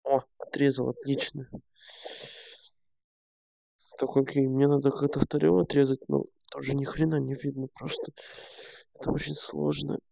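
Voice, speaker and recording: Grumbling young man, gravelly voice. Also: medium pitch, flat delivery, moderate pace, warm tone, no room sound. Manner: grumbling, swearing, talking to himself. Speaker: streamer. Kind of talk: casual gameplay commentary. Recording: dull lo-fi sound.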